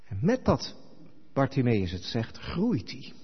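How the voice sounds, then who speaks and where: Husky-voiced male preacher in an echoing hall. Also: mid-range voice, slow pace. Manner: animated storytelling, acting out quoted dialogue. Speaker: pastor. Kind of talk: sermon. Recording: echoey hall, dull lo-fi sound.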